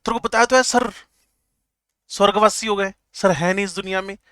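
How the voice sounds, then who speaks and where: A man's voice: high-pitched, fairly even intonation, a little fast, sharp tone, clear, resonant tone, no echo. A man doing an exasperated woman teacher. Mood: irritated. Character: exasperated female school teacher on phone.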